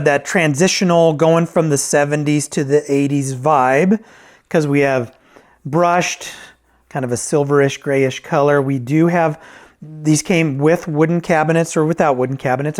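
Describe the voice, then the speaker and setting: His voice is a little high, with fairly even intonation and a moderate pace. He's a vintage tape deck reviewer and repairer doing a casual, unscripted product review, rambling, fixing his own wording, and frequently asking "right?".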